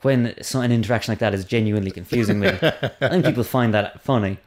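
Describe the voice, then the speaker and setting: Man, low-pitched, hesitant, self-deprecating, casual podcast chat. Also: fast. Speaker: stand-up comedian.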